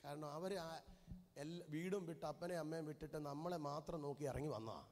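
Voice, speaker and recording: Male preacher with a Keralite Malayalam accent, fairly high voice, repeats phrases as he builds to loud fervor; recorded in a reverberant church hall. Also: fairly quick. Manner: swings from soft murmurs to loud fervent preaching; repeats phrases with rising intensity. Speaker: pastor. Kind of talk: sermon.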